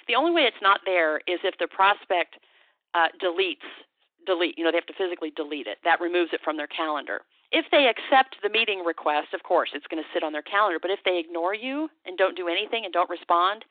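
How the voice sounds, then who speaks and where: A woman guest coaching on sales calls, talking with confidence and acting out the lines she teaches. Her voice sits a little low and comes over a narrow, tinny phone line with no room sound. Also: dry recording. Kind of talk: phone interview.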